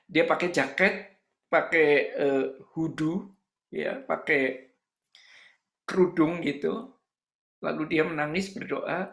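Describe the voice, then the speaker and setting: A male pastor preaching in an animated storytelling style, acting out the dialogue as he goes. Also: on the high side, slow, vocal fry, long pauses, reverberant. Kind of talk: storytelling sermon.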